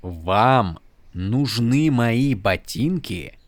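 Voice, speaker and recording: A man reading an audiobook voices a wary young soldier who grumbles in a low, deadpan way. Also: drawn-out words, no echo, studio quality. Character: gruff young male soldier on horseback, wary. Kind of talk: audiobook character voice.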